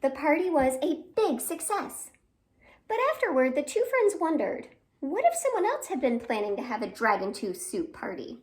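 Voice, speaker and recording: With a high, sing-song voice and a moderate pace, a woman leads children's storytime at a library. She greets the little ones in song, then reads aloud with expression, exclaiming and asking them questions along the way.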